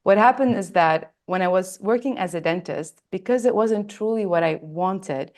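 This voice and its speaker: This Australian-born woman from Lebanon, aged somewhere in her thirties or forties, has a mid-range, darkish voice at normal speed. Her talk is reflective personal storytelling in an interview, delivered with earnest emphasis.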